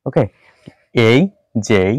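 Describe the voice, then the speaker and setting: Slow, careful male English tutor. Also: no echo. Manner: repeats each sound slowly several times; mixes Bengali with English words. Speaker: English teacher. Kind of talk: spoken language lesson.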